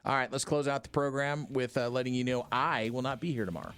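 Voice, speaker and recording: A man's voice: medium pitch, fast talker, a bit bright, clean tone. A man hosting a sports radio show, chatting casually and playfully with his co-host. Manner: chatty, playful, upbeat sign-off.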